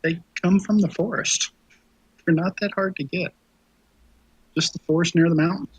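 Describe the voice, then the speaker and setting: A man's voice: high voice, steady tone, moderate pace, breathy edge, poor audio. A male player teasing his friends during a tabletop game. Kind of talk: casual game chat.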